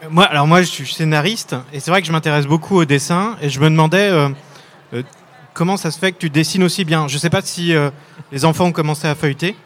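A man's voice: a little high, quick pace, fairly bright tone. A man, a comic scriptwriter, interviewing his illustrator in a chatty, joking way. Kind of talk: casual interview.

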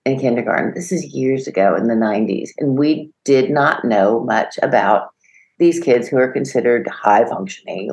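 A middle-aged woman co-hosting a podcast, telling a story in a lively way and acting out the voices of the people in it. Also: rumbling low. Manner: animated storyteller, acts out quoted voices, laughs often. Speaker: podcast co-host. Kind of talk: casual storytelling chat.

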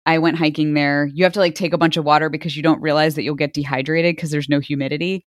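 A woman's voice: low voice, steady tone, quick pace, dry recording, clean studio sound. A woman co-hosting a podcast, chatting casually about travel with many filler words. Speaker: podcast co-host. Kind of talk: casual chat.

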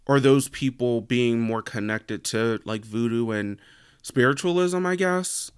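Rambling young man, smooth voice. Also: mid-range voice, measured pace, dry recording, clean studio sound. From United States. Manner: rambling, heavy use of "like" fillers. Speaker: podcast host. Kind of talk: casual solo podcast chat.

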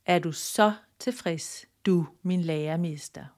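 A woman's voice: lowish voice, a little mellow, pitched below the performer's own voice, natural voice. A woman voicing a proud male human king who speaks emphatically. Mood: moved. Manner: emphatic, exclaiming questions. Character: proud human king, hasty then humbled.

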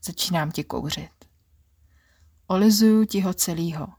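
A woman with a low, husky voice narrates an erotic story in the first person. Her delivery is quiet and intimate. The sound is close and dry. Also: no echo. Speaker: podcast narrator.

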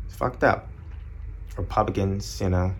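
A man hosting his podcast alone, ranting bluntly with lots of profanity and rambling asides. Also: slightly rough. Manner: blunt, profane, rambling, mimics others in high voices. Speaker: podcast host. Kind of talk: solo casual rant.

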